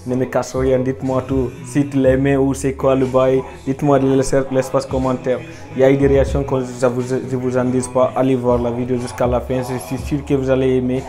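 A young man hosting a street interview show, talking in an energetic, hyped way with ad-libs, into a lapel mic. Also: medium pitch, a little fast, soft background music. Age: young adult. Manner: energetic, hype, ad-libs like bling and boum. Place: small indoor room at first, then busy public streets and malls.

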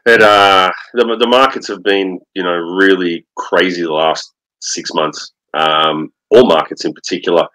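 A middle-aged Australian man, a guest speaking over a video call, relaxed with many fillers. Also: low-pitched, unhurried, few pauses, low-quality recording. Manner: relaxed, fillers like um and you know. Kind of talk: interview.

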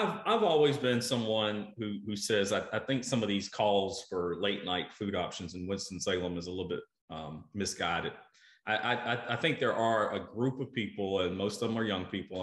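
This middle-aged food show host has a low voice with a fairly bright tone as he questions a guest on a video call. His speech wanders as he thinks out loud, full of fillers and repeated words, picked up by earbuds in roomy call audio.

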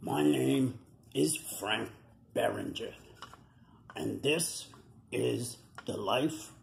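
A man's voice: medium pitch, reverberant, slight background noise. A man performing a wisecracking male prairie dog puppet who talks in a chatty, streetwise New York tough-guy way, recorded on a webcam in a room at home. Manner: gravelly, chatty tough-guy patter with slang. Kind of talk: puppet comedy sketch.

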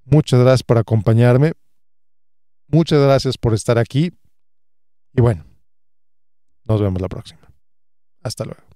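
A man's voice: medium pitch, measured pace, long pauses, warm tone, no echo, studio quality. A man in his thirties hosting a solo finance podcast, earnest and stacking repeated phrases. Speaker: podcast host and financial advisor.

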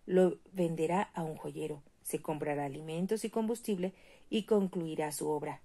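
A sorrowful, gentle statue prince, read by a woman. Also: sits low, moderate pace. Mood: pleading.

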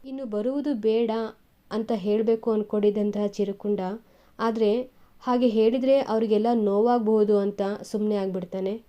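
A woman reading a novel aloud in measured, expressive storytelling. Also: medium pitch. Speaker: reader of a novel.

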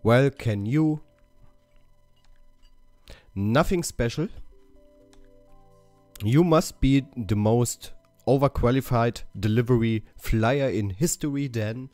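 A man talks his way through a game walkthrough at an unhurried pace, stumbling over English lines and fixing them. His voice sounds close and dry, with soft music underneath. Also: mid-range voice, no room sound. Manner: reads English dialogue options haltingly, correcting himself. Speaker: gaming channel host. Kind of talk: casual game walkthrough commentary.

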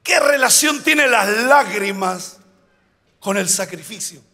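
A male pastor preaching a sermon, asking the congregation questions and shouting out the key words. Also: high voice, lively intonation, takes it slowly, in a large hall.

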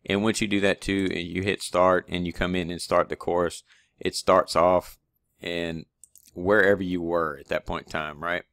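A low-pitched man talks in a flat, even tone as he walks viewers through his training course in a loose, rambling way full of fillers and restarts. His voice is clean and smooth, recorded close on a dry desk mic with no room sound. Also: moderate pace, dry recording. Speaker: online PLC course instructor. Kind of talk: screen-recorded course walkthrough.

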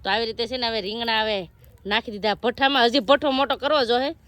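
A chatty, teasing woman narrates a casual cooking vlog beside a wood-fire stove in a village home. Her voice is fairly high and bright. She speaks to viewers as family. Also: steady tone, quick pace. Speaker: family vlogger.

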